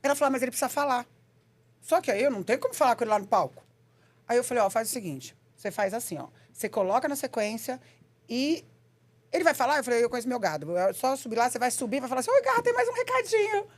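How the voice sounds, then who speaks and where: A woman's voice: fairly high pitch, rapid-fire. A woman chatting casually on a podcast, telling stories and acting out the dialogue she quotes. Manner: animated storyteller, acts out quoted dialogue.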